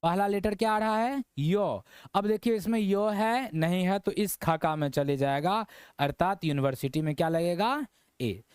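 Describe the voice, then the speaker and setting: A man's voice: high voice, lively intonation, normal speed, darkish tone, clean tone, dry recording, clean studio sound. A man teaching an English grammar lesson to students. He repeats his points, keeps asking the viewer questions and checks in with "है ना". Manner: repetitive, checking in with "है ना" and quizzing the viewer. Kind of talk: classroom-style lesson.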